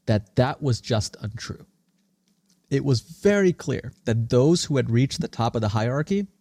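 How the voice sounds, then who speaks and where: On a podcast, a thirtysomething startup CEO with an American accent, Indian-born and Singapore-raised, fields interview questions with earnest, emphatic articulacy. His voice is medium-pitched and dark in tone. The studio sound is clean, with no echo.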